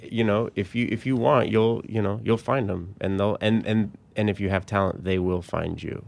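Very deep gravelly-voiced man. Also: fairly even intonation, normal speed, darkish tone. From Colorado. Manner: rambling, reflective, many fillers. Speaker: magician guest. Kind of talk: casual podcast conversation.

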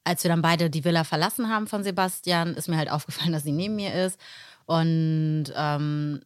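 A woman's voice: deep voice, moderate pace, smooth, no room sound, studio quality. A woman guest answering interview questions hesitantly. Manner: hesitant, many fillers.

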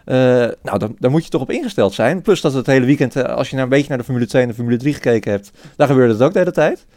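Male pundit, quick but halting, full of fillers, dry room. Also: mid-range voice, expressive, darkish tone, no room sound. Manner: hesitant, many fillers and broken starts. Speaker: co-host pundit. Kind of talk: casual analytical chat.

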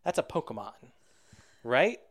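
A man's voice: medium pitch, big pitch swings, a little slow, fairly bright tone. A man hosting a casual interview, playful and joking, calling himself a nerd. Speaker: host.

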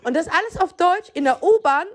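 Brief: woman, high voice, animated storyteller, crude slang, podcast co-host. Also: fairly quick. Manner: animated, crude street slang, acts out quotes. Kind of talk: lively storytelling chat.

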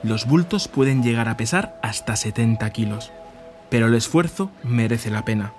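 A man narrating a documentary podcast from a script in a measured, descriptive way. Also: medium pitch, lively intonation, faint music behind.

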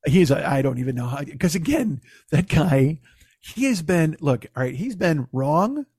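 A man hosting a podcast with a hoarse, gravelly voice as if gargling broken glass, ranting casually and comically with swearing and self-mockery. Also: fairly high pitch, very animated, normal speed, a little mellow, no room sound, studio quality. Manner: ranting, foul-mouthed, self-deprecating. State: hoarse after losing voice. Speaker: podcast host. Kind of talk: casual comedic monologue.

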